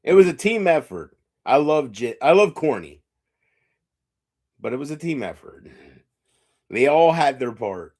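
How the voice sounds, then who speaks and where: A man's voice: on the high side, sing-song, measured pace, pauses often, darkish tone, dry recording, studio quality. A man livestreaming alone, talking drunk, rambling and profane with his chat.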